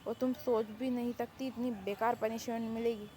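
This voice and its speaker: A woman voicing a possessive male vampire king who teases and threatens in a low, soft voice. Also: level tone, normal speed, a little hiss or hum, lightly acted. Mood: menacing. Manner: teasing, calls her baby, low threats. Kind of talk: Hindi fan-fiction audio story.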